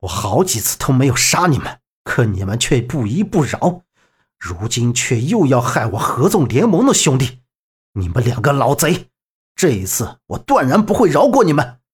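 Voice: medium pitch, very animated, moderate pace, husky, voice pushed down. A man voicing a stern, ruthless young male sword hero who speaks with cold contempt.

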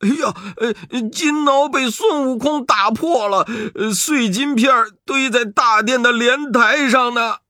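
A man voicing a cowardly male demon king with a whiny, gravelly, groaning delivery in a storybook tale. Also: very high voice, unhurried, few pauses, bright, forceful tone, no room sound, studio quality, pitched above the performer's own voice, exaggerated voice. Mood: whimpering.

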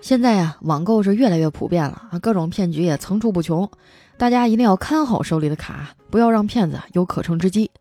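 A woman host telling comic stories in a lively, chatty way, stretching out her sentence-end particles. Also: lowish voice, fast, dry recording, faint music behind. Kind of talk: comic storytelling monologue.

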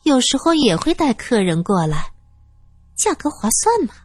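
A woman acting out a shrill middle-aged former dancer who wails and wheedles in a whining, theatrical voice, soaring high and swooping wildly. The voice is breathy and dry, close to the mic in an audio story. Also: big pitch swings, moderate pace, dry recording, full character voice. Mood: gossipy. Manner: whining, melodramatic, shameless.

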